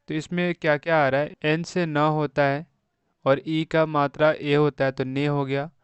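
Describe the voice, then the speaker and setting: A man's voice: fairly high pitch, clear, resonant tone, dry recording. A man teaching beginners to read English, spelling words out letter by letter and checking in often with a friendly "okay". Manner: slow, spells words letter by letter and repeats "thik hai". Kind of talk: phonics lesson for beginners.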